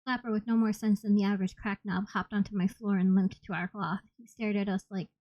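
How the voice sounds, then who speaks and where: A woman reading a novel aloud in the first person, steady and plain. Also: medium pitch, fairly quick, dry recording. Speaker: audiobook reader. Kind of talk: first-person audiobook narration. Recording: slightly dull, dry recording.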